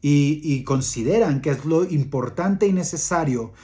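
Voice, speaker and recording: A man giving a leadership coaching talk, earnest and repetitive, halting with fillers as he tells a workplace story. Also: fairly high pitch, expressive, warm tone. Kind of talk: motivational talk with anecdote.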